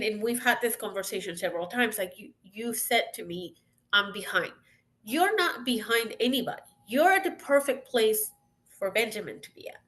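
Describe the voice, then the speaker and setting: A woman's voice: fairly high pitch, fairly bright tone. A woman guest on a podcast, a consultant, speaking earnestly and encouragingly, with emphatic restarts. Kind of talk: casual interview chat.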